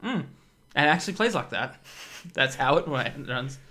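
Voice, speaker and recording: A man's voice: medium pitch, expressive, normal speed, sharp tone. A man co-hosting a casual gaming podcast, blunt and skeptical, swearing casually. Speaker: podcast co-host. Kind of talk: casual chat.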